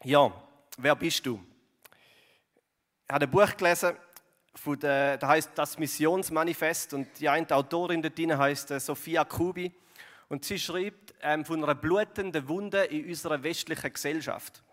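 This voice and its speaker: A man's voice: a little high, moderate pace, a bit bright. A man with a Swiss German accent giving a conversational sermon as pastor, full of fillers and tag questions like "gell" and "oder". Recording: long hall reverb.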